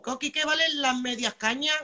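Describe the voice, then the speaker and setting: Chatty bright-voiced woman selling live. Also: high-pitched, normal speed, a little hiss or hum. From Spain. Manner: chatty, keeps asking "vale", greets viewers by name. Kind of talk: live-stream sales pitch.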